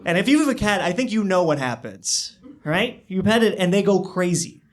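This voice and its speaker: A young man working a stand-up set in a small comedy club, holding a handheld mic. His delivery is dry and understated, full of halting little restarts. His pitch swings widely and sits a touch high for a man. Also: very animated. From born in China, raised in the US. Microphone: handheld stage microphone.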